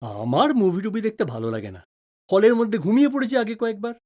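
A woman voices a wary, joking middle-aged father in an audio drama, sounding friendly and chatty with a teasing, mock-pompous, exclamatory manner. Her medium-pitched voice is warm and quick, swinging widely in pitch.

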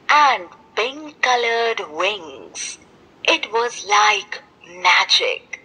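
Brief: woman reading a children's story aloud, high and animated delivery, expressive. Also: breathy edge, poor audio.

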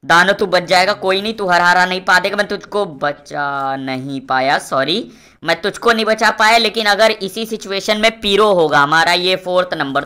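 A young man giving live gameplay commentary, boastful and swearing at opponents while calling out to teammates. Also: sits high. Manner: excitable, shouting out calls to teammates. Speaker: gaming streamer.

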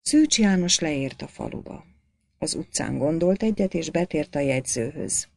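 A woman narrating an audiobook novel in a steady, expressive storytelling manner. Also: low-pitched, vocal fry, dry recording, studio quality.

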